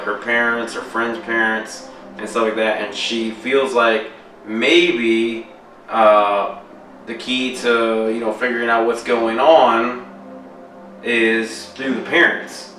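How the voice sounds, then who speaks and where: This young man co-hosts a podcast, taking it slowly in a fairly bright, mid-range voice with little pitch movement as he rambles about horror films. Swearing and fillers are frequent, and the echoey room, distant mic and faint music shape the recording.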